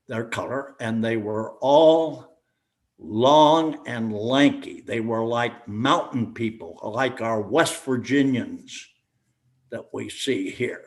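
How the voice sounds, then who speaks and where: An elderly American man, a war veteran in his eighties or older, reminiscing and explaining in a deliberate, halting way with long pauses. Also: medium pitch. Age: 80s or older. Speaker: war veteran being interviewed.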